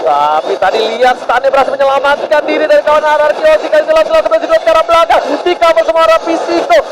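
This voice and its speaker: Male Indonesian esports commentator, fighting game announcer energy, very high, quick and urgent, over clear noise. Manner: urgent, repeats phrases for emphasis. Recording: clearly noisy game broadcast.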